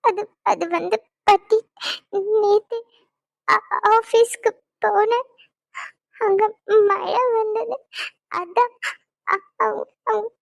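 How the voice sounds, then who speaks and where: A woman's voice: very high-pitched, fairly even intonation, extremely slow, gravelly, pauses often, dry recording, lo-fi sound, pitched above the performer's own voice, exaggerated voice. A woman doing a sobbing stammering young woman. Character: frightened tearful young woman.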